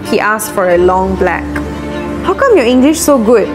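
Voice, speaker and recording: A woman's voice: mid-range voice, very animated, measured pace, music in the background. A young woman from Malaysia recounting her experiences plainly in a short social-media clip.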